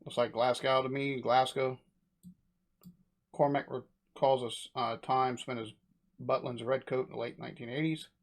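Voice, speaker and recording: A man's voice: medium pitch, fairly even intonation, normal speed. An American man giving casual, off-the-cuff reaction commentary as a host. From United States. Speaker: host reacting to accent recordings.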